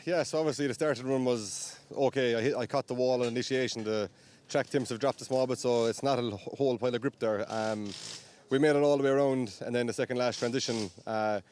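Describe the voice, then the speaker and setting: A man's voice: mid-range voice, fairly even intonation, fast, a little mellow, a little hiss or hum. A man, a drift driver, talking through a bad run in a trackside interview, frustrated and rambling. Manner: frustrated, rambling, nervous laughs.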